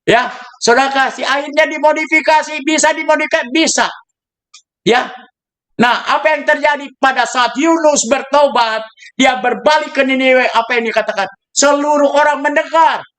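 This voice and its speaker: A man preaching a sermon, his voice sitting unusually high for a man. He tells stories with animated emphasis and drops English words into his talk. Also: moderate pace. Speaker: pastor.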